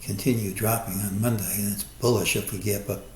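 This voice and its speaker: A man with a lowish voice walks through a stock chart and lays out his market forecast. He talks in a measured, hedging way and weighs every possibility. The recording has a roomy echo and a faint hum of ambience behind it. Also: fairly even intonation. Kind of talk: chart analysis monologue.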